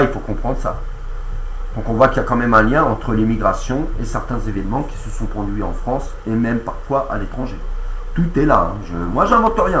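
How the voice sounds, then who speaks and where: A man's voice: medium pitch, fairly bright tone, slight background noise. A man in a casual monologue, earnest and repetitive, speaking directly to the president while reacting to a radio clip. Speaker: online commentator. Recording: roomy echo.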